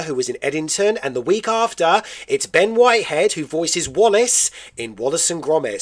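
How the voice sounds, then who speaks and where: Chatty enthusiastic British radio host. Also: male voice, mid-range voice, fairly bright tone. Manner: enthusiastic, chatty, laughs often. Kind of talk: radio interview chat.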